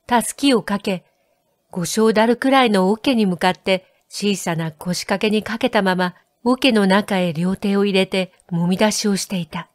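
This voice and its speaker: Calm woman reading a novel aloud. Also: mid-range voice, no room sound, studio quality. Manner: calm, measured. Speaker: audiobook reader. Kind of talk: literary audiobook narration.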